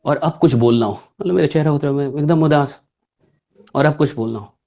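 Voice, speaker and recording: Male speaking coach from India, motivational lecture, lively delivery with big swings in volume. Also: fairly high pitch, brisk, gravelly. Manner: animated, swings between loud and soft, keeps asking "right?".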